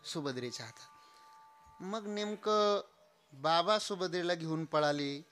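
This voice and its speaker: A young man preaching a devotional kirtan sermon, telling stories animatedly and swinging between hushed asides and loud sung lines. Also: fairly high pitch, slow, a little hiss or hum. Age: young adult.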